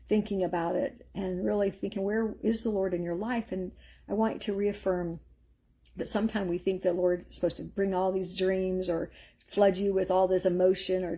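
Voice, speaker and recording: Husky, mellow-voiced woman giving faith encouragement. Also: lowish voice. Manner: earnest, rambling, storytelling with filler words. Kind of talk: live-streamed faith encouragement talk.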